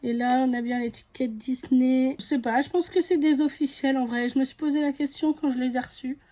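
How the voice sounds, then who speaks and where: A woman's voice: high-pitched, steady tone, fairly quick, warm tone. A woman with a French accent chatting casually as she opens surprise packets, guessing aloud what is inside. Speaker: vlogger. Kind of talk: casual unboxing chat.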